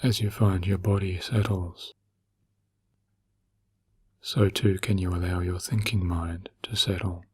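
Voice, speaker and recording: A man with a low, breathy, husky voice leads a guided meditation, his delivery flat yet gentle and soothing. He speaks slowly with long pauses, and a slight hiss or hum sits under the recording.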